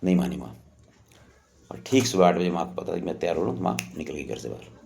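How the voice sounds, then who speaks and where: A man's voice: low voice, expressive, fast talker, vocal fry, noisy background. An older man casually telling a personal story in a rambling, conversational way, often acting out what others said. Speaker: storyteller recounting a personal memory.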